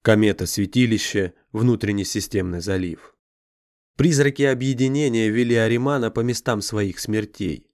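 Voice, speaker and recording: Low-voiced man narrating a dark sci-fi audiobook. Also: moderate pace, no echo, clean studio sound. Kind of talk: scripted dramatic narration.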